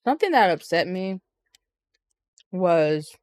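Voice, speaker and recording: Lady podcaster rambling about wrestling, swears a lot, lowish voice, dry close mic. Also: sing-song, takes it slowly, darkish tone, smooth, no echo. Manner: rambling, profane, frequent ums. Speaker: podcast co-host. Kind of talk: casual wrestling chat.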